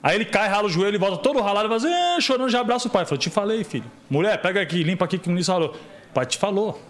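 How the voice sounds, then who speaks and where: Rapid-fire and high-pitched, this middle-aged man from Brazil chats casually as a podcast guest. He's an animated storyteller who voices the characters in his tales, acting out their quoted lines.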